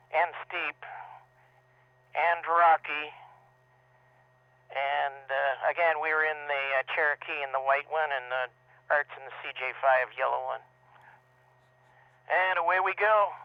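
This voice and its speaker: A man's voice: on the high side, no echo. A middle-aged man casually narrating a slideshow of his desert trip for a radio club, rambling along with many "uh" fillers. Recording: dull lo-fi dry audio.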